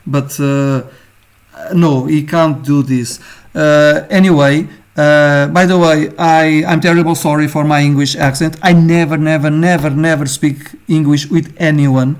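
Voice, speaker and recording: A man with a Portuguese accent, a native Portuguese speaker, giving an informal screen-share lesson on game design, halting often with fillers and tag questions. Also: fairly high pitch, fairly even intonation, clear, resonant tone. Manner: halting, many fillers, ends phrases with "okay?".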